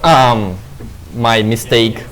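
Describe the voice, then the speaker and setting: A man commentates a tabletop wargame live. He speaks slowly and haltingly, pausing often on fillers. His pitch sits in an ordinary middle range. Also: fairly even intonation, a bit bright, rough recording. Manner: hesitant, filler-heavy, halting. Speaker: co-host commentator.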